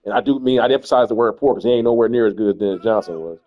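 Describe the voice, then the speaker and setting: A man's voice: fairly low pitch, racing, narrow, tinny audio. A man giving casual, rambling commentary while playing a basketball video game, often repeating himself as he thinks. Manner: laid-back, rambling, repeats words as he thinks. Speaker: gaming streamer.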